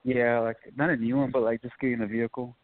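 Over a narrow, muffled phone line comes a man of medium pitch. He is a caller to a psychic hotline, casual and a little hesitant, giving short agreeing answers. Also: little pitch movement, quick pace, no room sound.

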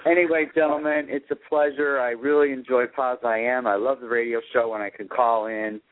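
An effusive male caller from Florida speaks over a tinny phone line into a radio show. His voice sits at an ordinary middle pitch, squeezed thin by the narrow band of the call. He talks in a chatty, warm-hearted rush. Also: fairly even intonation, brisk, no echo.

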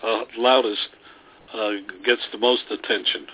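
A man's voice: medium pitch, little pitch movement. A man hosts a radio interview, stumbling through restarts and fillers as he introduces and questions his guests. The sound is narrow and tinny, like a phone line. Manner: halting, with many ums and restarts. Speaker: radio show host. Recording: phone-like band.

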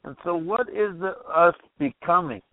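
A man's voice: high-pitched, normal speed, dry recording. Man losing his voice on phone-line radio. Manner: rambling, asks the listener many questions. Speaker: radio show host. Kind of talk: motivational call-in radio monologue.

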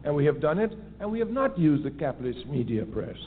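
A fast-talking man with a slightly high, sing-song voice speaks passionately about politics on a call-in radio show. He's emphatic, repeating his key phrases for force, over a tinny phone line carrying a faint hiss.

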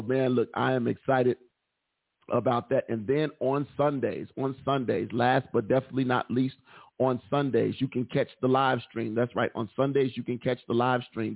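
A man's voice: mid-range voice, fairly even intonation, moderate pace, gravelly, no room sound. A man hosting a live call-in radio show, running through promos with repeated phrases for emphasis and folksy, church-flavoured asides. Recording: narrow, phone-like radio sound.

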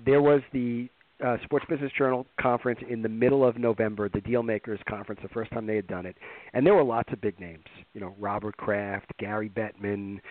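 A man's voice: medium pitch, dry recording. A man hosting a sports business podcast with a nasal voice from a head cold, talking in a rambling, conversational way with many fillers. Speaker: podcast host. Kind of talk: casual podcast chat. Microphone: remote call. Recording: tinny phone-line sound, dry.

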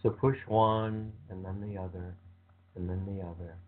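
A man leading a guided visualization meditation with slow, calm, soothing instructions. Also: low-pitched, a little hiss or hum. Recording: tinny phone-like sound.

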